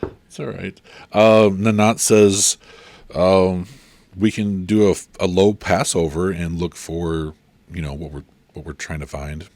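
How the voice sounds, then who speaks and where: A man acting as game master, talking haltingly and reading rules aloud with many fillers. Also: sits low, steady tone, darkish tone, no room sound. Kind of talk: running a tabletop game over a call.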